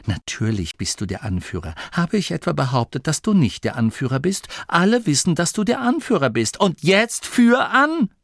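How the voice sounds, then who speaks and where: A man voicing a stern, bossy young female gnome in an audiobook, with a sharp, commanding, scolding way of talking. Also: on the high side, animated, unhurried, dry recording, clean studio sound, pitched above the performer's own voice. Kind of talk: audiobook character voice.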